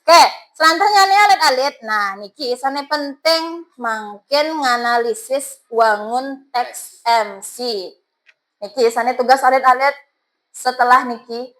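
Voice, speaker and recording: A woman's voice: high-pitched, unhurried, fairly bright tone, low-quality recording. A woman teacher with a Balinese accent, coaxing her students with questions as she teaches a class.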